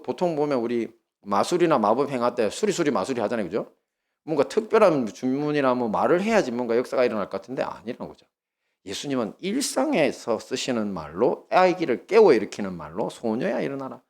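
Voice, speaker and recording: A male pastor with a Gyeongsang Korean accent, preaching a sermon with lively storytelling and questions put to the congregation. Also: medium pitch.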